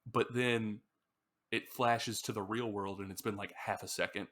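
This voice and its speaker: A man's voice: fairly low pitch, steady tone, moderate pace, bright, forceful tone. A man co-hosting a podcast in casual chat about an album, telling stories in a loose, rambling way. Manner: rambling storyteller, acts out screams. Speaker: podcast co-host.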